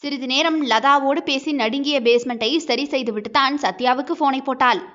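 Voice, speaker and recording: A woman narrating a romance audio novel in a measured, literary reading style, in a dull lo-fi recording. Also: high-pitched, fairly bright tone. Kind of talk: scripted storybook narration.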